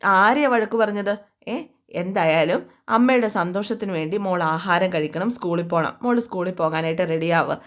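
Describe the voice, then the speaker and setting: Woman reading a gentle, sorry young husband in a retold story, near her own voice. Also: fairly low pitch, normal speed, close to an everyday voice. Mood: coaxing. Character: remorseful young husband, calm and reasoning.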